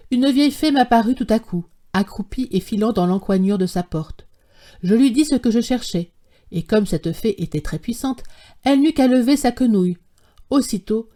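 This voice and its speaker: A woman narrating a classic short story as an audiobook, in a measured, literary reading style. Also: medium pitch, animated, dark tone.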